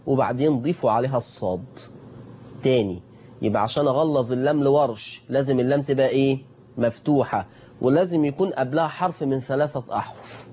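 Egyptian man, recitation teacher, questions and answers for his class, mellow dark voice, dull lo-fi sound. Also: mid-range voice, husky. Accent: Egyptian Arabic. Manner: asks the class questions and answers them himself, repeats key points. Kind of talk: tajweed lesson.

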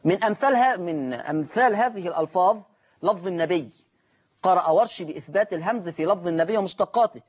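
A man's voice: high-pitched, fast talker. An Egyptian-accented man teaches Quran recitation on a broadcast lesson. He poses questions and answers them himself, repeating each key term. The audio is slightly dull.

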